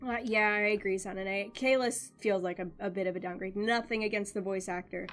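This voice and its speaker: A woman streaming a game, chatting casually with viewers, excitable and chatty with quick reactions. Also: medium pitch. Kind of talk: casual live-stream chat.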